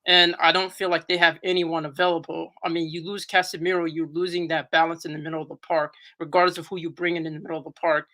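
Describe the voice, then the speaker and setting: A man's voice: on the high side, flat delivery, fast, few pauses, sharp tone. A man giving casual post-match football analysis as a pundit, slangy and repeating himself for emphasis.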